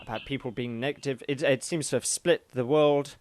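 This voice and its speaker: A man co-hosting a podcast in casual chat, delivering jokes deadpan. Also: mid-range voice, brisk. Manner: deadpan joking. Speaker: podcast co-host.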